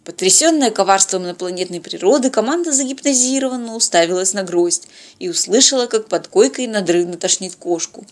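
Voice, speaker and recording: A woman's voice: mid-range voice, animated, fairly quick. A woman narrating a science-fiction audiobook with a dry, wry delivery.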